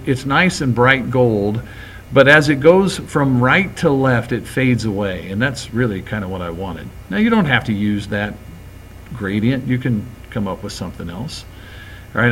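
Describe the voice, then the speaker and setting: A man of ordinary pitch walks through a screen-recorded software lesson, narrating each click in a relaxed, easygoing way. His voice sits close to a desktop mic with a faint hum of room ambience behind it. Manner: relaxed, talks through each step as he works. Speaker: graphics teacher.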